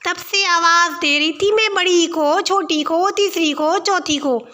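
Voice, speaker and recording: A woman's voice: very high-pitched, unhurried, sharp tone, full character voice. A woman voicing a cranky, ailing old mother who nags and scolds her daughters. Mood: scolding. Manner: scolding, nagging.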